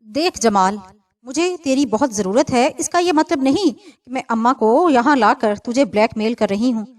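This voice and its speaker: A woman's voice: a little high, lively intonation, moderate pace, a little mellow, close to an everyday voice. A woman voicing an insistent young woman who speaks in a loving, coaxing way.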